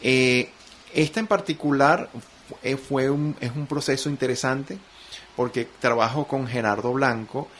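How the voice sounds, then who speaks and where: A man with a Caracas Venezuelan accent, a guest musician on a radio interview, talking reflectively and telling animated stories with many restarts. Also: medium pitch, measured pace. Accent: Caracas Venezuelan Spanish. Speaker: guest musician and sound artist. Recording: faint noise, radio studio.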